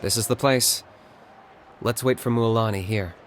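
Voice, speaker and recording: Cool, laconic young warrior Kinich, played by an actor. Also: male voice, medium pitch, steady tone, normal speed, lightly acted. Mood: matter-of-fact. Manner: dry, understated, matter-of-fact. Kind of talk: video game voice acting. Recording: game music behind.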